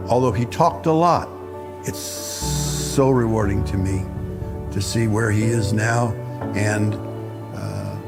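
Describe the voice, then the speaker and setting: Gravelly man, halting mentor interview. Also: lowish voice. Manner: halting, many "uh" pauses, moved. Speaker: volunteer mentor. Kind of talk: interview for a charity video. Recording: interview under music bed. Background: background music.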